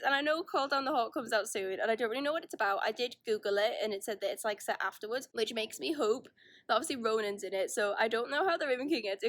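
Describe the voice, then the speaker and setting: A woman's voice: fairly high pitch, no room sound. Young woman vlogging into a handheld phone. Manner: rambling and self-deprecating, with frequent restarts. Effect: phone video recording. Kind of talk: casual chatty vlog. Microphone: phone held in hand.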